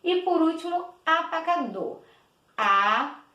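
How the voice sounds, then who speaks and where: A woman teacher gives a patient children's lesson, clapping out each syllable slowly and repeating words. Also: on the high side, expressive. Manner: slow, clapping out each syllable, many diminutives. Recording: echoey room.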